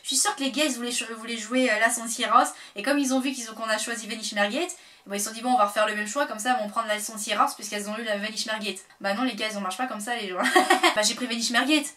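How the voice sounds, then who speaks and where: A woman chatting casually to camera as a vlogger, full of fillers and sudden excited bursts. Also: a little high, fast, distant mic.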